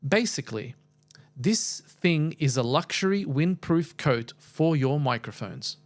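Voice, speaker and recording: A man's voice: on the high side, expressive, measured pace. A man narrating a scripted product review as the reviewer, with a wry, playfully exaggerated way of talking.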